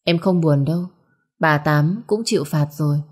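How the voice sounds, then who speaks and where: A woman voicing a gentle, earnest young wife in a storybook. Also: low voice, moderate pace, breathy edge.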